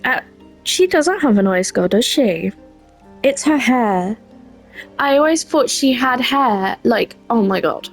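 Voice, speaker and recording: Here the same congested gaming creator, nursing a head cold, talks her way slowly through making a game character in casual commentary. Her pitch runs on the high side with lively intonation, and she stays chatty and self-deprecating, wandering off with fillers. Music is faintly audible underneath.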